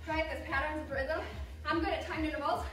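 A woman's voice: sits high, fairly even intonation, a little fast, fairly bright tone. A woman co-leading a live home workout, giving casual, upbeat encouragement and instructions while active. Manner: exerting herself, upbeat encouragement. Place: large living room at home, indoors. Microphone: camera several metres away. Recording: very echoey room, distant mic, faint music.

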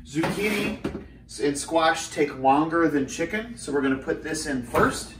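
A man's voice: a little high, measured pace, far from the mic. Upbeat guy demoing meal prep in his kitchen, bit off-mic, roomy sound, faint hum behind. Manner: upbeat, joking, energetic while cooking. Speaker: fitness cooking host. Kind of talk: casual cooking demonstration. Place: small home kitchen, indoors. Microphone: camera mic, filmed from a few steps away. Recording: echoey kitchen, voice slightly off-mic.

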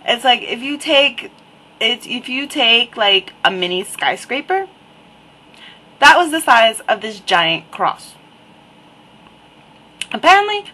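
Wry slow-talking New woman. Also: a little high, slightly rough, poor audio. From New Jersey. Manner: wry, repetitive, deadpan asides. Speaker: vlogger. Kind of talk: casual webcam monologue.

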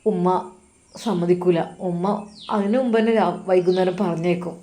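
A woman voicing a loving, remorseful young husband who talks in a soft, coaxing way. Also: fairly even intonation, moderate pace, lightly acted. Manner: soft, coaxing, low-voiced.

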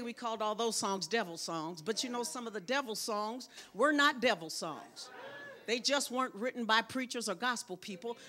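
An older woman preaching as a guest in church, lively with loud bursts of exclamation. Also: on the high side. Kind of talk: sermon. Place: church sanctuary.

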